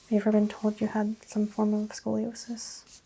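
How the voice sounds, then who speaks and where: A woman whispering softly and calmly as a doctor in an ASMR roleplay exam, giving gentle clinical instructions close to the mic. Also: mid-range voice, normal speed, husky, low-quality recording. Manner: soft, calm, clinical bedside whisper.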